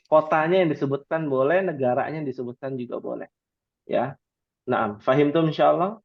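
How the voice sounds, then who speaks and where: A man teaching an Arabic class online, encouraging students and slowly repeating words for them. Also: fairly high pitch, dull audio.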